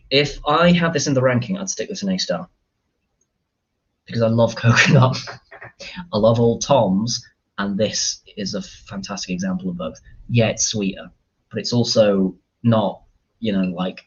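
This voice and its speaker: A man chats casually through a live stream as a gin reviewer, rambling and hesitant, with plenty of fillers and the occasional swear word. His voice sits on the low side with a slightly husky edge. The recording sounds dull and lo-fi. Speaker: gin reviewer, channel host.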